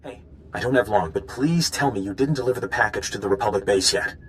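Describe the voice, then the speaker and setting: An actor voices an earnest, scheming male undercover informant in video game dialogue, sounding urgent and conspiratorial as he plots. His lowish voice moves fast and is lightly acted, with a little hiss or hum on the track.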